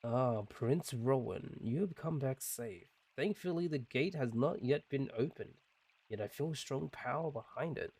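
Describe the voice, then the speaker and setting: A man voicing a solemn gatekeeper of a sealed gate, reading in a slow, formal way while playing a game. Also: medium pitch, darkish tone, slightly rough.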